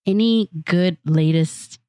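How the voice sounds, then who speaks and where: A woman chats casually as a co-host. Her voice sits a little low for a woman. The sound is dry, and her wording is informal and full of slang. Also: slow pace, dark tone, clean tone, no room sound. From Santo Domingo, Dominican Republic. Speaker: podcast co-host, actor. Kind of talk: casual chat.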